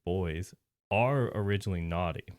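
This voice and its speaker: Deep-voiced guy GMing a tabletop game, lots of uhs, dry close sound. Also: moderate pace, no room sound. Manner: rambling, many uh fillers and restarts. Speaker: game master.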